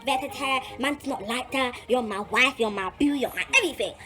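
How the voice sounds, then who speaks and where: Against a noisy background, a young adult woman with a London accent speaks a little fast in a high-pitched voice. Her personal story comes out casual, slangy and animated, with repeated phrases for emphasis.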